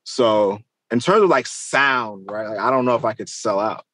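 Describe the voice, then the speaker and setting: Lowish in pitch and fairly bright in tone, this Queens, New York rapper speaks at normal speed on a dry recording. He's a casual interview guest, loose and conversational, slinging slang and profanity freely.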